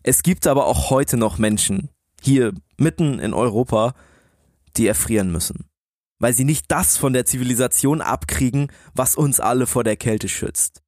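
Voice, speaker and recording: A male podcast co-host tells stories conversationally, his voice sitting mid-range for a man with a darkish tone. He speaks at a moderate pace, and the dry recording carries almost no room sound.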